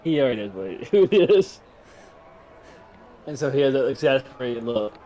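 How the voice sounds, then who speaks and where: A man's voice: mid-range voice, very animated, moderate pace, dark tone, lo-fi sound. A man chatting casually as a player in a tabletop role-playing game.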